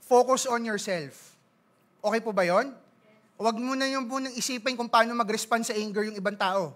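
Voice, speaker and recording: High bright Filipino pastor preaching. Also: male voice. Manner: mixes Tagalog and English, reads scripture slowly, jokes with the congregation. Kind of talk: sermon. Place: church service.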